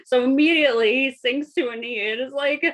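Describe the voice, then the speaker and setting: A woman's voice: high-pitched, fairly even intonation, a little fast, fairly bright tone. A woman narrating as game master of a tabletop game, loose and giggly, with casual swearing.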